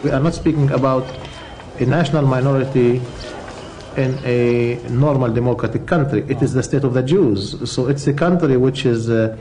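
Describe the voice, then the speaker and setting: Mellow man explaining with pauses. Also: medium pitch, slight background noise, poor audio. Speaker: interviewee. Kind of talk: explanatory interview answer.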